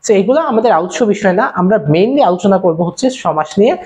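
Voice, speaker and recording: A young man from Bangladesh teaching an online class, repeating his points and firing quick questions at his viewers. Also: sits high, expressive, darkish tone. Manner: fast, repetitive, calls out questions to viewers. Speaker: online tutor. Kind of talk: live-streamed class lecture. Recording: dull lo-fi stream audio.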